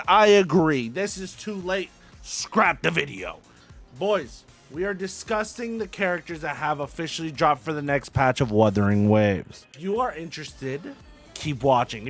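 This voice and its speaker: A young man riffs through casual gaming commentary in a high voice that swings widely in pitch. He is hyped and playful, leans on slang and keeps repeating catchphrases. Soft music plays under him. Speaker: gaming YouTuber host.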